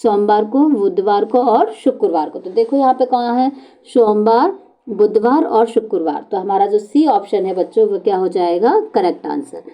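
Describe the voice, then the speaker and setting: Bright-voiced woman teacher explaining answers. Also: medium pitch, normal speed. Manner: asks rhetorical questions to the class and answers them herself; repeats key words and answers, calls out options to children. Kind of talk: exam-prep lesson walking through multiple-choice questions.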